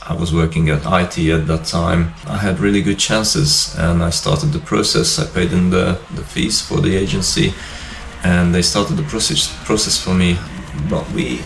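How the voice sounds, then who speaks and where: A man in his fifties, originally from Hungary, hosting his own vlog and telling his life story in a relaxed, rambling way. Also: sits low, creaky. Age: 50s. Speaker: YouTube channel host. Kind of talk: casual personal vlog talk. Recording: echoey room with music behind.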